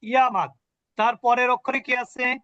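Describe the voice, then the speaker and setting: Male recitation teacher, high and bright, unhurried, answers his own questions, dull dry call audio. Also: steady tone, no room sound. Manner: asks questions and answers them himself, slow and deliberate. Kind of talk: online tajweed lesson. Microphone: video call.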